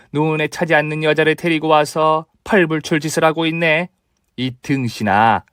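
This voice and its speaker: Guy doing a bossy snobby older mother-in-law, scolding, kinda high, dry close sound. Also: no echo, lightly acted. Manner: scolding, contemptuous. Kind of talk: dramatized story reading.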